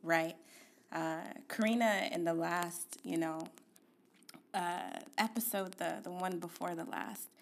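Slow, calm woman co-host. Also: fairly low pitch. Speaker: podcast co-host. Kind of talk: casual chat.

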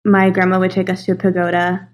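A woman's voice: fairly low pitch, monotone, fast. A young woman from Los Angeles, a guest in a casual interview, talking in a chatty way with many fillers and easy laughter.

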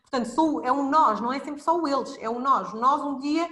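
A woman's voice: high-pitched, fairly quick, a bit bright. A woman with a European Portuguese accent talking in a casual podcast debate. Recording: echoey room.

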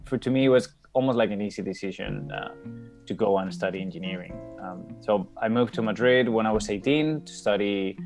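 Spanish-accented man, low gravelly voice. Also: brisk, a little mellow, soft background music. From Spain. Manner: talkative, many restarts and fillers. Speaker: podcast guest, tech company co-founder. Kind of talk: casual interview talk.

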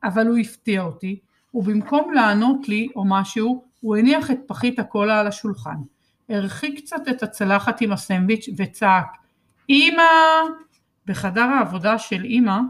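A woman narrating a first-person children's book in a lively, expressive reading voice. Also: medium pitch. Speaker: storybook reader.

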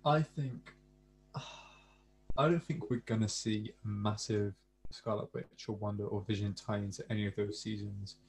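A man with a low voice chats casually as a podcast co-host. He talks hesitantly and keeps restarting his sentences. A faint hiss sits behind him. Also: fairly even intonation, measured pace, creaky. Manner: hesitant, repeats starts with "I think". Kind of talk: casual chat.

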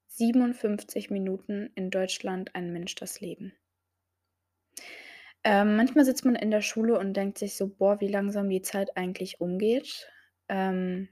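A woman's voice: medium pitch, darkish tone. A young woman hosting a solo podcast, talking hesitantly with many filler sounds and reading out quotes. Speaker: podcast host.

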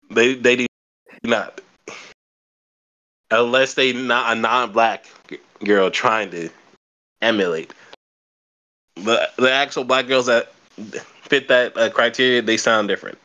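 A man's voice: medium pitch, fairly even intonation, slow, pauses often, pushed and bright, muffled recording. A young man hosting a podcast, chatting casually and bluntly, swearing and repeating words as he thinks. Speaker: podcast host. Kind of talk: casual chat.

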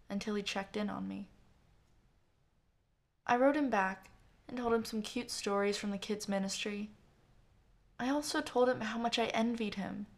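A woman narrating a first-person story in an unhurried, soft manner for an audiobook. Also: mid-range voice.

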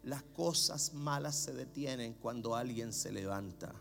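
A middle-aged man with a Chilean Spanish accent, preaching a sermon as a pastor, swinging from low murmurs to shouts. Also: measured pace, vocal fry, music in the background.

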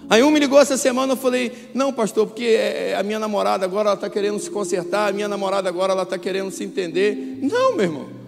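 A man's voice: high-pitched, fairly even intonation, very fast, vocal fry, few pauses. A man pastor preaching a sermon, passionately retelling conversations and acting out the voices in them. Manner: impassioned, storytelling, acting out dialogue. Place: church hall. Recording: church hall reverb with soft instrumental music.

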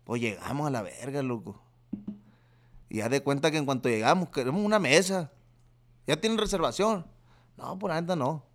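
A man's voice: fairly high pitch, lively intonation, moderate pace, long pauses. A young man, telling crude, slangy stories as a podcast host in casual chat. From Mexico. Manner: slangy, crude, joking storyteller.

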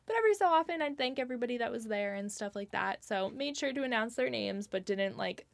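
Creaky-voiced young woman, chatty guest. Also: fairly high pitch, lively intonation, fast, dry recording. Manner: chatty, many fillers and "like". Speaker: guest, nonprofit organizer. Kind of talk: casual interview talk.

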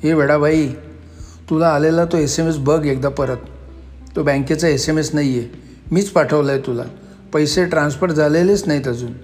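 A man's voice: on the high side, normal speed, a little mellow, faint music behind, close to an everyday voice. A man voicing a flustered middle-aged male manager who talks agitated and insistent. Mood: menacing.

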